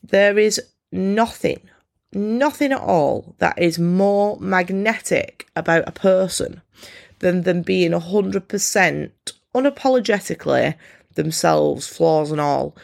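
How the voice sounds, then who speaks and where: A woman hosting a solo self-help podcast, talking candidly and encouragingly in a croaky, froggy voice with a congested nose. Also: fairly low pitch. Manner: candid, informal, encouraging, swears freely. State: congested, snotty nose from a cold. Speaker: podcast host.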